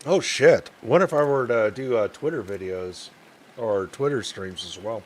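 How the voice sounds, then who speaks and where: A young man streaming a point-and-click game, chatting with his viewers in a tired, low-key, rambling way and reading game dialogue aloud in his own voice. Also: measured pace, a little hiss or hum.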